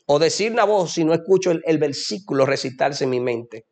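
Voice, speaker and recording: A man's voice: on the high side, lively intonation, brisk, darkish tone. A young man telling a fervent religious testimony in a preachy way. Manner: preachy, fervent, addresses listener as "amado". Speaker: guest giving a testimony.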